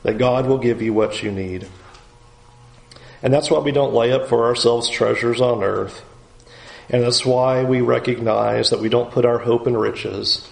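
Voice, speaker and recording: A man preaching an expository sermon, animated and acting out the people's complaints. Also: medium pitch, measured pace, creaky. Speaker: pastor. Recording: roomy echo, faint background noise.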